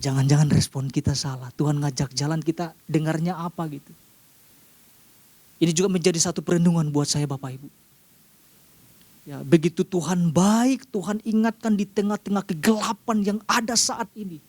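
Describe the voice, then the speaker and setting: Indonesian man preaching a sermon, high voice, dry close sound, lively emphatic rises. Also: normal speed, dry recording. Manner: addresses congregation often, lively rises in pitch for emphasis.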